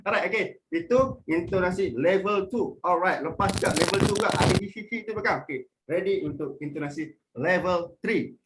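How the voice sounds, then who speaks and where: Seorang pria muda dari Malaysia yang melatih pelajar sekolah dalam webinar daring. Ia berbicara dengan lincah dan suka bercanda, lalu naik-turunkan nada untuk memberi contoh intonasi. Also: male voice, a little fast, few pauses, noisy background. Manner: lively, playful, switches pitch to demonstrate intonation. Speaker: public speaking trainer. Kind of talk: online workshop for students. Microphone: video call.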